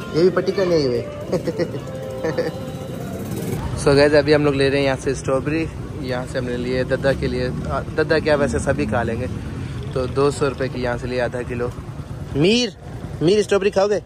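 A man hosts a casual family vlog while out shopping at stores and a market, addressing viewers as guys and teasing the kids along with him. He talks at a moderate pace in a mid-range voice, pausing often, with background noise around him.

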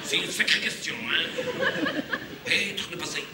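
A man voicing a slow, bewildered Hamlet with a Belgian French accent. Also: a little high, steady tone, distant mic, a loud crowd, heavy background noise, pitched below the performer's own voice, close to an everyday voice. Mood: puzzled. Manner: drawn-out, bewildered. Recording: roomy live-stage sound from afar.

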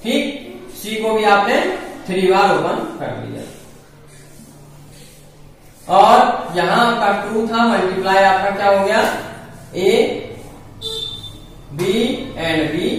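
High-voiced man teaching math in an echoey room. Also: slow pace, pauses often, a bit bright, a little hiss or hum. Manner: explains step by step, asks and answers his own questions. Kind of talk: exam-prep math lesson. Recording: echoey room, mic far off.

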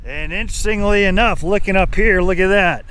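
A man's voice: high-pitched, brisk, a bit bright, slight background noise. A man narrating his own outdoor prospecting vlog at an abandoned mine, thinking aloud and pointing things out as he goes. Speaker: gold prospecting vlogger.

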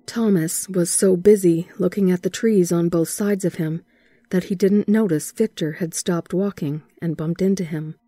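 A woman narrating a horror short story in a steady, measured way. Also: lowish voice, dry recording.

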